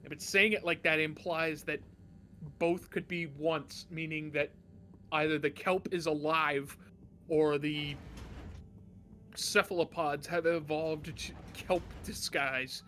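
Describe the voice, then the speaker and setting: Male let's-play host, high bright voice, irreverent, laughs often. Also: fairly even intonation, slow, faint music behind. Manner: laughs a lot, jokey and irreverent. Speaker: gaming commentator. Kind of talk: casual let's-play banter.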